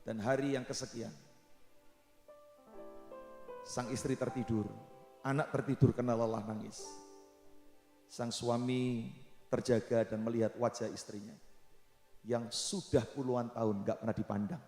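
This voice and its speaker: A pastor preaches a sermon in a church sanctuary, telling a story with emphasis and calling out to his listeners as brothers and sisters. His voice is medium in pitch and steady in tone, unhurried with frequent pauses. The recording is echoey, with soft music in the hall.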